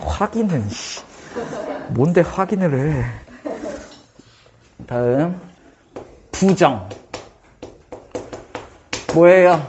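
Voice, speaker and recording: Lively high-voiced man tutoring math. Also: a little hiss or hum. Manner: quizzing a student with quick questions, joking. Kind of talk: casual math lesson.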